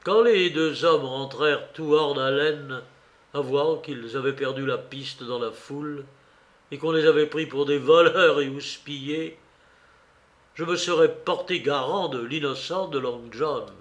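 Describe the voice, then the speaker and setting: A man narrating a classic adventure story for radio in a measured, deliberate way. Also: a little high, muffled recording. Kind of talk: scripted literary narration for radio.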